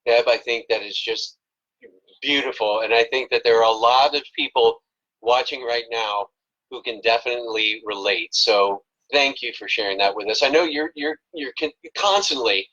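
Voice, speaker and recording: A man's voice: mid-range voice, moderate pace, pushed and bright, dull audio. A man hosting a live stream interview, upbeat and encouraging toward his guests. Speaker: host.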